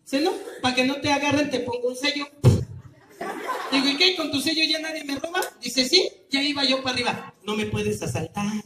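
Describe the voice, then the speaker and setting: A man with a Mexican accent performing as a street clown, teasing and calling loudly to an outdoor crowd. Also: very high-pitched, brisk. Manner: loud, teasing, calling out to the audience. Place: outdoor public square. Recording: echoey, distant and noisy.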